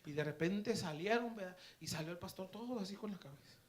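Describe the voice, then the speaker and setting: A man preaching a sermon as pastor, telling stories and moving from hushed asides to loud, excited preaching in a church. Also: sits high, quick pace. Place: church sanctuary.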